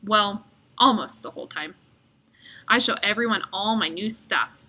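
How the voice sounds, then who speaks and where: Here a woman brings a children's picture book to life as an expressive storyteller, using a mid-range voice at a moderate pace.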